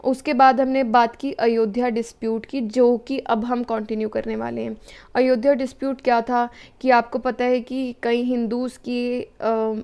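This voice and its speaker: A woman's voice: fairly high pitch, creaky, a little mellow, clear, resonant tone. A young adult woman with an Indian accent giving a classroom lecture, explaining step by step and checking in with her students as she goes. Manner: explains step by step, mixing English phrases, frequent "ठीक है" check-ins. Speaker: teacher.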